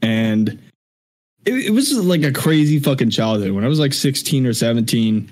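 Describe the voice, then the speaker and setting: Expressive and darkish in tone, this mid-range male voice moves at a normal pace. It belongs to a young streamer and rapper from Washington State, USA, guesting on a video call for a casual conversation full of laughs and unfiltered profanity.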